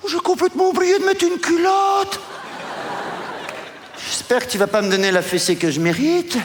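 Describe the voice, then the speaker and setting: A man's voice: extremely high pitch, normal speed, background noise, voice pushed up. A man voicing a flirtatious upper-class Parisian woman in a stand-up routine, gushing and theatrical. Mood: coquettish. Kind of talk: stand-up comedy. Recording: live stage audio with long reverb, audible audience ambience.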